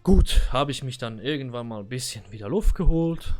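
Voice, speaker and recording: A man's voice: mid-range voice, lively intonation, normal speed, darkish tone. A man chatting casually over a video game, telling a story in a heated, swearing rant. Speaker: gamer retelling a story. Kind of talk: casual gaming chat.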